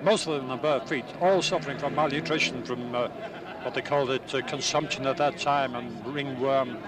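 An older man, born in Ireland and raised in England, telling an interviewer about his wartime past in a plain, unhurried way with small hesitations. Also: medium pitch. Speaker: war veteran interviewee. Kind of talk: recalling memories in an interview. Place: outdoors at a busy city gathering. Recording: distant mic, crowd noise behind.

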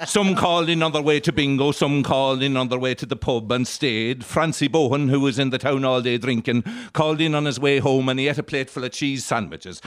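A man's voice: medium pitch, dry recording. A man with an Irish accent telling a comic story as a live stage monologue, in a lilting, droll storyteller's manner. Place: live on stage at an arts centre.

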